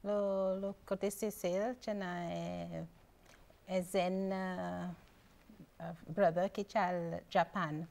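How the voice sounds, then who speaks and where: An older woman with a fairly low, strongly gravelly voice speaks as a guest doctor in a television studio. She answers hesitantly, pausing to search for words, picked up on a lapel mic. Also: flat delivery, darkish tone. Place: TV studio, indoors.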